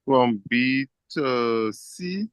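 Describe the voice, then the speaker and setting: A man's voice: mid-range voice, expressive, drawn-out words, clean tone, no echo. A young man, a student talking in an online class. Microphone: video call.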